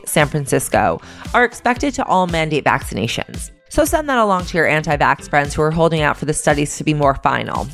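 Low-pitched woman reading scripted news podcast. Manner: wry, informal asides in scripted read. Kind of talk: scripted news briefing and ad reads.

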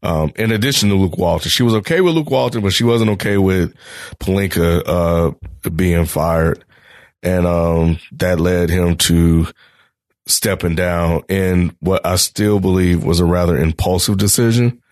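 A man co-hosting a sports podcast, laying out his view in a measured way with frequent fillers. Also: low voice, a little mellow, dry recording, clean studio sound. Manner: measured, thinking aloud with fillers. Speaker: podcast co-host. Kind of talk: casual sports debate.

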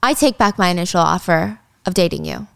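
A woman's voice: on the low side, wildly swooping pitch, brisk, creaky, no echo, exaggerated voice. A woman voicing a haughty young man who answers coldly and cuttingly, in a drama recap. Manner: cold, cutting. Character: cold haughty young man, rejected suitor.

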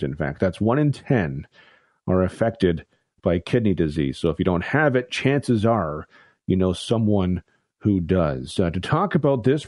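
A man's voice: on the low side, darkish tone, no echo, clean studio sound. A man with a Canadian accent hosting a radio interview, conversational with hesitant uhs. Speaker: radio host.

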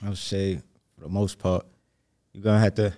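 Male, low-pitched, Brooklyn accent, slangy and casual conversational delivery, interview guest feel. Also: flat delivery, a little fast, warm tone. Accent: Brooklyn New York. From New Jersey, US. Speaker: hot seat guest, aspiring motivational speaker.

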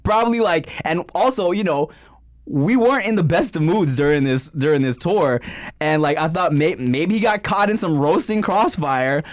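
A man co-hosting a podcast, telling a story in animated casual chat and swearing freely. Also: a little high, normal speed. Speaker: podcast co-host.

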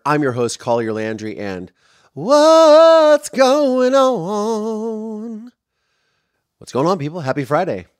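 A man's voice: medium pitch, dry recording, clean studio sound. A man in his thirties hosting a podcast, talking casually and rambling with fillers and restarts, openly emotional at times. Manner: openly emotional, voice softening when moved. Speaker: podcast host.

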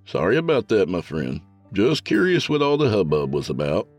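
A man's voice: low voice, wildly swooping pitch, moderate pace, faint music behind, voice pushed up, full character voice. A man voicing a polite, dry-humored older professor with a gray mustache.

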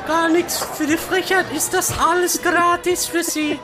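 A man's voice: level tone, unhurried, music in the background, a crowd in the background. A man voicing a cheeky female Christmas market vendor with a put-on foreign accent, in improvised comedy role-play. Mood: teasing. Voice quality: high, sweet put-on woman's voice. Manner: sugary and teasing, blunt remarks. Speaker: podcast co-host.

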